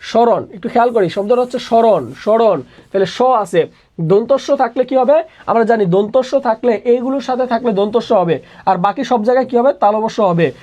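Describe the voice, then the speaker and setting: A young male tutor teaches an online exam-prep lesson. He repeats each question several times and gives the answer himself in a steady call-and-response drill. English words slip into his sentences. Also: extremely high pitch, quick pace. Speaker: admission test tutor.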